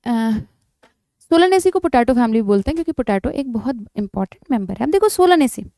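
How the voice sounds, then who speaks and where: A woman's voice: on the high side, expressive, fairly quick, dark tone, dry recording, clean studio sound. A woman teaching an exam revision lesson in biology, emphatic and coaxing, often calling her students "beta".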